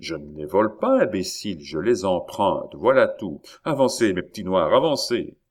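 A man's voice: low voice, sing-song, normal speed. A man voicing an arrogant young viscount who talks in an imperious, mocking, curt way.

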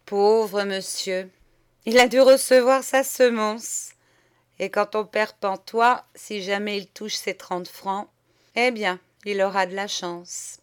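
A woman narrating a novel in a steady, clear storytelling voice. She reads evenly at an ordinary pitch, in a scripted audiobook delivery. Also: slow. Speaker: audiobook reader.

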